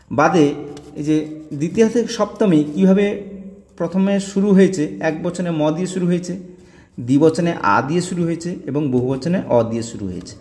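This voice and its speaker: A teacher with a fairly high, warm voice walks through a grammar lesson, patiently repeating each word ending as a drill. A long reverb trails his speech, as though he's in a bare, echoing room.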